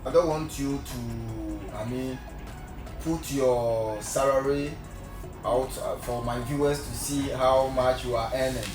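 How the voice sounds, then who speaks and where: A man's voice: mid-range voice, steady tone, takes it slowly. A man hosting his channel, asking questions in a friendly way and often repeating himself. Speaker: interviewer, channel host. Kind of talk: casual interview. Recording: echoey room from far off with music.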